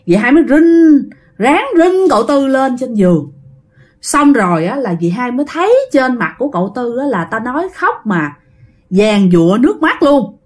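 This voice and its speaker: Telling a ghost story in a Southern Vietnamese accent, a woman keeps things chatty and often turns to address her audience directly. She speaks at an ordinary speed in a high-sitting, very animated voice.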